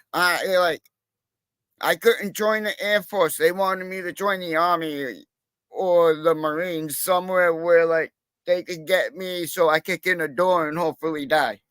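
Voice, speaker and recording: A man with a fairly high voice rambles through a casual livestream chat, swearing freely and leaning on fillers. The sound is dry and close, with no room around it. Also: a bit bright, clean tone, no room sound. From Massachusetts, USA. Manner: rambling, profane, with many fillers. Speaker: livestream guest, cop watcher.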